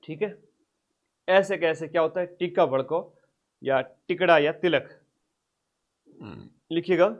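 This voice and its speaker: A man with a fairly high voice teaches an exam-prep class and repeats key terms slowly so students can write them down. He drifts nearer to and farther from the mic, so his loudness rises and falls. The recording sounds dull and low-fidelity. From Rajasthan. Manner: loudness and distance from mic vary a lot.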